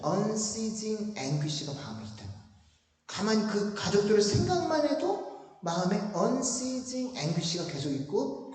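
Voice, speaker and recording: A male pastor preaching a sermon and telling a story, animated and emphatic, repeating words for stress, in a large church hall. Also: a little high. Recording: echoey church hall, mic far off.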